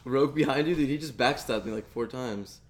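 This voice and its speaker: A man's voice: medium pitch, brisk, slight background noise. Stammering young male game streamer. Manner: stammers and repeats words, talks to chat while playing. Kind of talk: casual live-stream chat.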